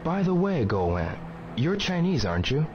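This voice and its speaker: A man's voice: on the high side, big pitch swings, normal speed, noisy background. A man playing a stoic, polite young man in a video game, with a serious, clipped delivery. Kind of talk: scripted video game dialogue. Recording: dull, compressed game audio. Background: clear background music.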